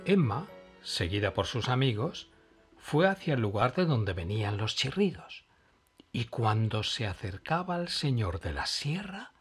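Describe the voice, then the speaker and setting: A man reading a children's story aloud, expressive and dramatic. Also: medium pitch, unhurried, breathy edge, faint music behind.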